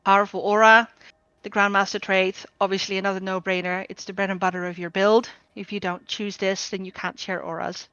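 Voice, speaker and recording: A woman's voice: medium pitch, flat delivery, a little fast, fairly bright tone, clear, resonant tone, dry recording. Woman teaching over group voice chat. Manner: explanatory, with frequent ums. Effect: group voice chat audio. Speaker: guild trainer. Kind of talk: game build tutorial. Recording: dull lo-fi voice chat mic.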